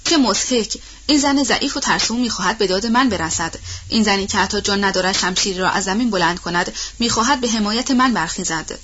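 A woman's voice: mid-range voice, a bit bright, husky, dull audio. Woman reading as a proud, grieving young heroine. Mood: scornful. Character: proud, headstrong young woman, grief-stricken.

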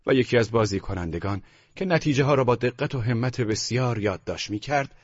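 A man narrating an audiobook novel in an expressive, storytelling way. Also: medium pitch, breathy edge, no room sound. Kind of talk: scripted narration. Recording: dull, dry studio recording.

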